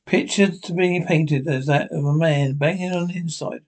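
A man's voice: on the high side, moderate pace, a little mellow, slightly rough. A man reading a radio drama script aloud, including its stage and sound directions. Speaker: script reader.

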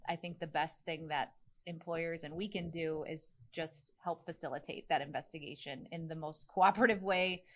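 Woman podcast host, lowish voice, friendly, asks clear questions. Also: steady tone, normal speed, a bit bright. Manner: friendly, laughs lightly between questions. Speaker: podcast host, employment lawyer. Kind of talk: interview hosting.

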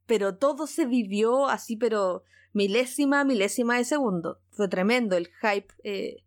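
Mujer chilena contando una anécdota emocionada. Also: female voice, on the high side, moderate pace. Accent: Chilean Spanish. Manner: excited, repeats words, laughs often. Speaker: guest. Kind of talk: casual storytelling.

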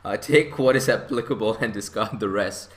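A young man hosts a casual podcast about investing. His voice sits a little low but comes across bright and forceful. He rambles from point to point and keeps chuckling as he goes. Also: moderate pace. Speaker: podcast host.

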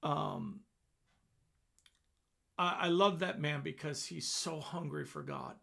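A man with a deeply gravelly, crackling voice talks earnestly about faith on a podcast. He sits a bit higher than most men, repeats himself as feeling builds, and sinks into hushed, breathy prayer. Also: big pitch swings, slow pace. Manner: earnest, emotional, repeats phrases; drops to soft, breathy prayer. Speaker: minister on a podcast. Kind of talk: devotional podcast talk.

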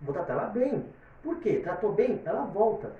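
A man's voice: sits high, big pitch swings, normal speed, narrow, tinny audio. A man from São chatting casually as a podcast guest, giving opinions in a rambling way full of repeated fillers. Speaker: guest singer. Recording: very echoey room, distant mic.

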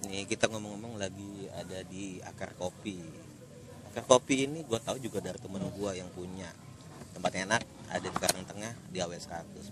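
A man's voice: low voice, fairly quick, background noise. A man with a Jakarta accent hosting a casual podcast chat in informal, joking Jakarta slang. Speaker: podcast host. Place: coffee shop.

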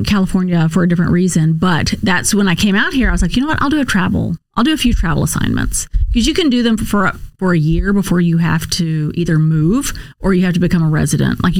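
Speaking in a lower-pitched voice captured dry, an American interview guest who works as a nurse case manager and once served as a Marine officer talks conversationally. She's candid and explanatory, leaning on emphatic repetition.

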